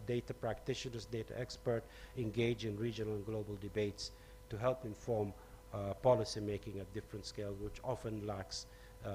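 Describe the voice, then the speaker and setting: A man's voice: fairly low pitch, a little mellow. A man giving hesitant closing remarks at a conference, with many fillers. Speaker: conference speaker. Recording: faint hum behind.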